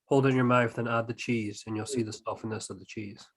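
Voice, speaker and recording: A man chatting casually over a whisky and cheese tasting and telling lively stories with many restarts. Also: on the low side, brisk, slight background noise. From Scotland. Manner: lively storyteller, restarts his sentences. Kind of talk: casual tasting chat and anecdotes.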